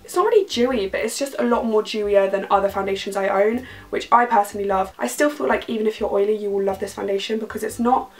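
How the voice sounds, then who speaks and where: A young British woman, a beauty vlogger, reviews her favourite products to camera from her bedroom with soft music playing. She talks fast in a mid-range voice with hardly any pauses, gushing enthusiastically and repeating words for emphasis. Being ill has left her slightly croaky.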